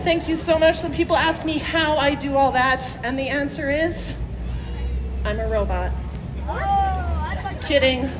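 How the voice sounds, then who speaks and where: A woman's voice: high-pitched, level tone, normal speed, few pauses, very noisy. A woman doing comedic street show patter like a playful kids' party magician, with joking asides, countdowns and prompts to the audience. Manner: joking, self-mocking asides. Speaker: street performer, hula hoop juggler. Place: outdoors at a street festival. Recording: outdoor street, loud music and crowd.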